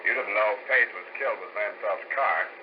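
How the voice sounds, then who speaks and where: A man's voice: on the low side, moderate pace, noisy background. An actor playing a sardonic hard-boiled private detective who narrates his own case in 1940s radio-drama style, heard on an old wire recording. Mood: probing. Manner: dry, sardonic wisecracks. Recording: muffled old wire recording with loud music bed.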